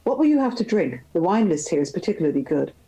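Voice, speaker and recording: Woman reading as a smooth young rich man, self-assured, charming, low dark voice. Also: very animated, fast talker, poor audio. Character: suave confident young male tycoon. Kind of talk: reading a novel aloud.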